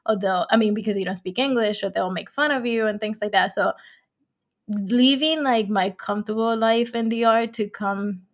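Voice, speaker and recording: A woman's voice: mid-range voice, normal speed. A young woman from the Dominican Republic, a company co-founder, talking casually as a guest in an interview, chatty with many fillers. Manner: chatty, frequent fillers, laughs often.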